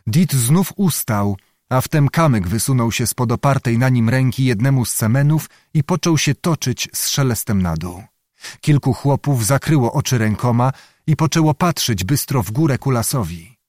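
A man narrating a historical novel in a measured, dramatic reading. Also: mid-range voice, expressive, darkish tone, dry recording, studio quality. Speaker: audiobook narrator.

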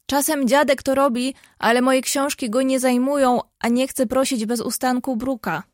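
A lonely, sickly teenage boy, voiced by a woman in a storybook reading, polite and a little plaintive. His voice sits high and is recorded close and dry. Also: steady tone, normal speed, no echo, lightly acted.

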